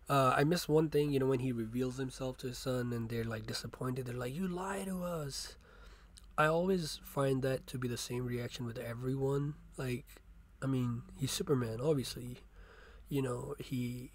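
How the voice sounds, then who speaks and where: Guy rambling thru a casual review, lots of ums and restarts, average pitch. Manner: rambling, many fillers and restarts.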